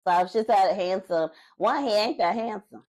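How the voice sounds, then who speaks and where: A woman's voice: medium pitch, normal speed, a little mellow, dry recording, low-quality recording. Blunt, shady woman recapping reality TV. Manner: blunt, shady, acts out quotes. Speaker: podcast co-host. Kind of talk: casual recap chat.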